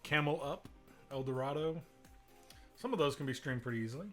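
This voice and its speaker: A woman's voice: sits low, brisk, fairly bright tone, faint music behind. A woman co-hosting a live board game stream in easygoing casual chat, laughing and talking to viewers.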